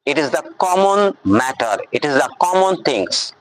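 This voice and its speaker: A native Bengali speaker with a Bengali accent teaches English, delivering an earnest, motivational lesson in a deep voice with big pitch swings at a moderate pace. She repeats herself, speaks straight to her audience, and keeps checking that they understand.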